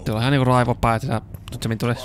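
Excitable Finnish man gaming. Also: mid-range voice. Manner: excitable, swears and yells when in danger. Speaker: gaming YouTuber. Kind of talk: casual let's-play commentary.

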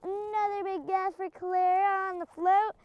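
A woman's voice: extremely high pitch, flat delivery, normal speed, no echo, lo-fi sound. A young woman on a fishing boat outdoors, keeping up a chatty, wry commentary for an action camera. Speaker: vlogger, angler. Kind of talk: casual fishing vlog chat.

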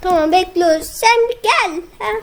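A young woman, casually commenting on her own gameplay, excitable and whiny when frustrated. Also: extremely high pitch, normal speed. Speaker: gaming video host.

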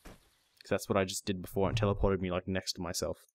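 Low-voiced man cursing through a game. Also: flat delivery, brisk, dry recording. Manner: swears freely, laughs often, reads game text aloud. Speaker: gamer host. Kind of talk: casual gaming commentary.

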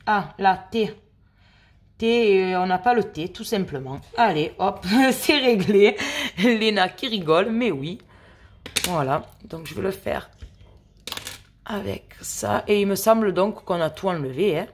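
A woman hosting a scratch-card video, chatting slowly and addressing her viewers as friends while she checks numbers and letters. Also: mid-range voice, lively intonation. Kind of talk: casual play-by-play commentary.

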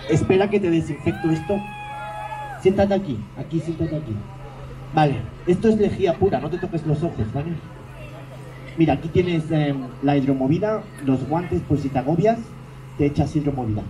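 A man's voice: on the high side, normal speed, mellow, a little hiss or hum, low-quality recording. A man doing stage comedy, teasing the audience in a sarcastic, mock-grumpy way.

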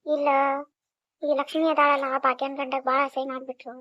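Woman voicing a defiant village wife, north karnataka accent, high flat voice, lo-fi. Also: a little fast, dry recording, close to an everyday voice. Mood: tearful. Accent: North Karnataka Kannada. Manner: defiant, scolding. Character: sharp-tongued middle-aged village wife. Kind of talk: cartoon voice acting. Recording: dull lo-fi recording.

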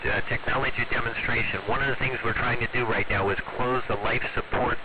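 A man who is an astronaut, answering students calmly over a radio transmission with static bursts and closing each answer with radio procedure words. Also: mid-range voice, brisk, a loud crowd, poor audio. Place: space station.

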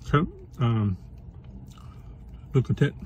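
An easygoing man talks through a casual food vlog at a middle pitch, pausing often with "uh" while he explains. There is a faint hiss behind him. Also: highs cut off. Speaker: food vlogger. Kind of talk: casual vlog and cooking demo.

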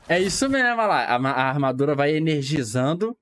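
A man's voice: on the high side, big pitch swings, a little fast, fairly bright tone, slight background noise. A young man with a Brazilian accent making chatty, slangy, casual reaction commentary on a stream. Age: young adult.

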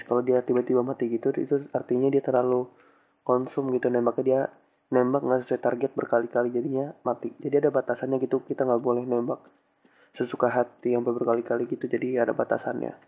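A young man who hosts a gaming channel gives casual, slangy game commentary peppered with English exclamations. He has a cold, so his nose sounds stuffy, and his medium-pitched voice comes through with the highs cut off.

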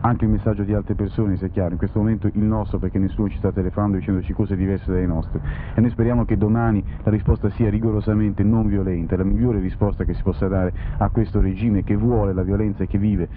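A thin, band-limited old radio recording carries the very low voice of a man. He hosts a live phone-in and speaks haltingly, searching for words, with clear noise behind him. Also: flat delivery, narrow, tinny audio. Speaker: radio host.

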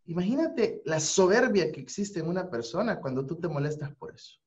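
Brisk and lively in his intonation, this high-voiced man hosts a radio talk, casually covering faith and support in an earnest, preacher-like manner. It comes through as dull, lo-fi audio.

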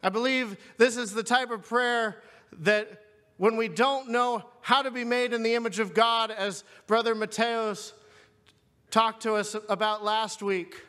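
A man's voice: high-pitched, pushed and bright. A man preaching a sermon, retelling a scripture story in an earnest storytelling manner. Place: seminary chapel. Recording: long hall reverb.

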